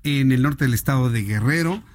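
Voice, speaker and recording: A man's voice: mid-range voice, fairly quick, slight background noise. A Mexican man hosting a radio show in casual, joking chat and reading out listener greetings. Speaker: radio host.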